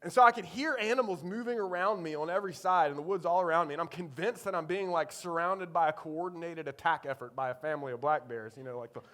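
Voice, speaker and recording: A man's voice: a little high, fast, hardly any pauses, a bit bright. A man from preaching a sermon, telling a personal story in a conversational way with many fillers. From Eastern North Carolina. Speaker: pastor.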